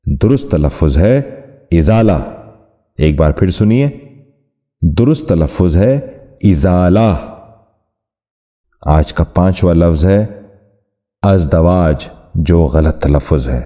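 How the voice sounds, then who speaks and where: A man presenting an Urdu pronunciation lesson in a formal, courteous scripted narration, enunciating each word slowly and deliberately. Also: deep voice, animated, warm tone.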